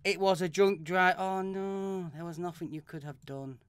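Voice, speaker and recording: A man's voice: high-pitched, steady tone, normal speed. A man commenting on a horror game he is playing, swearing often, shrieking when startled and reading on-screen text aloud. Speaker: let's play gamer. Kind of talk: let's play commentary. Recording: loud noise behind voice.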